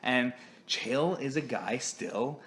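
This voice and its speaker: A man appearing as a guest on a sports podcast, talking in an animated, opinionated way and laughing as he goes. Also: medium pitch, slow. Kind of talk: casual sports chat.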